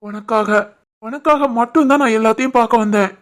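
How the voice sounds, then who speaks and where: A woman voicing a gentle, dutiful grown son who speaks softly and reassuringly, with a Kanyakumari Tamil accent, in a cartoon family drama. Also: fairly high pitch, fairly quick, natural voice. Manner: soft, reassuring.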